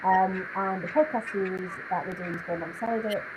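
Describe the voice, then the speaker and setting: A woman's voice: mid-range voice, fairly even intonation, fairly quick, background noise. A woman co-hosting a casual podcast over a call, her voice muffled and hollow as if inside a fishbowl, chatting with lots of ums and restarts. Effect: muffled, hollow sound as if inside a fishbowl. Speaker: podcast co-host.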